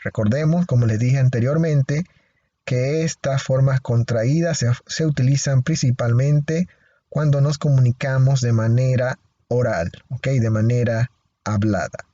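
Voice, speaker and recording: A man with a Panamanian Spanish accent teaching an English grammar lesson, speaking deliberately and repeating each example slowly and clearly. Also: medium pitch, warm tone, no room sound, dull audio. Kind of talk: recorded lesson explanation.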